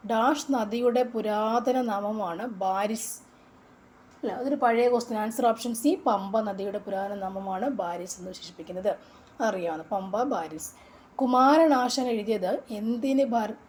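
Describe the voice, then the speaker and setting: Repetitive Malayali woman tutor, mellow. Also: medium pitch, a little hiss or hum. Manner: repeats each answer several times, asks rhetorical questions. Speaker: exam coaching teacher. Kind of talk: casual exam-question walkthrough.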